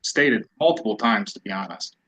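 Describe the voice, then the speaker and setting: A man's voice: lowish voice, lively intonation, normal speed, a bit bright. A man testifying in a divorce hearing, guarded and evasive, heard through a courtroom recording. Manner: guarded, evasive, repeats that he doesn't recall. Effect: courtroom recording played back on a stream. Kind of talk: testimony under questioning. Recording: dull lo-fi courtroom audio.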